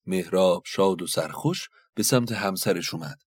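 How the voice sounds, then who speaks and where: A man narrating an epic tale in a steady, expressive reading. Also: sits low, slightly rough, no echo. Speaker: storyteller.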